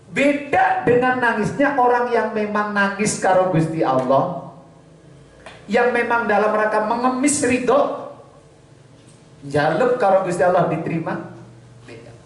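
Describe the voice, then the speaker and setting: A man's voice: high voice, expressive, unhurried, long pauses, distant mic. A man with a Javanese accent teaching a Ramadan kitab study as a boarding-school teacher, reading Arabic phrases with a Javanese gloss and then explaining them. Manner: acts out weeping prayers in a hushed voice. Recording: very echoey hall.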